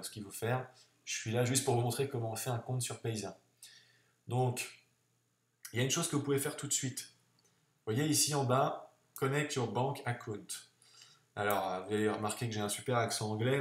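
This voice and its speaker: A man hosting a casual screen-recorded tutorial, talking it through in a chatty way, with many fillers and restarts. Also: fairly low pitch. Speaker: online tutorial host. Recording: echoey room.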